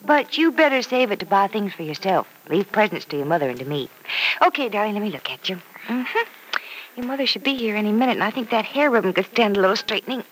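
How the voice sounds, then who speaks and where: An actress playing a kindly, reassuring aunt, gentle and indulgent, in an old-time radio soap. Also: female voice, medium pitch, animated, quick pace, natural voice. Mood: fond, indulgent. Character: kindly, reassuring aunt fond of a little girl. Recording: noisy vintage radio recording.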